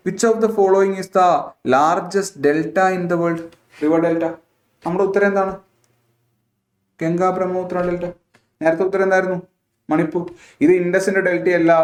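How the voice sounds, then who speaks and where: A teacher with a Malayali accent leads an exam-prep session in a somewhat high, slightly mellow voice. He repeatedly asks quiz questions and makes sure his listeners are following. The recording sounds roomy, with a noticeable echo.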